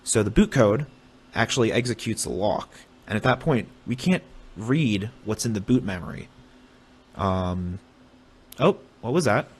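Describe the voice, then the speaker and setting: A young man casually explaining a technical topic on a stream, halting with restarts as he draws diagrams. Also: fairly low pitch, lively intonation, breathy edge. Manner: halting, many fillers and restarts while drawing. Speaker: streamer explaining hardware hacking.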